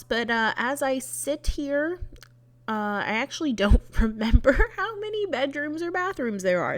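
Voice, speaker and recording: Chatty woman with a stuffy nose. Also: medium pitch. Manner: rambling, chatty, laughs often. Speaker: Sims builder vlogger. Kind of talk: casual voice-over chat.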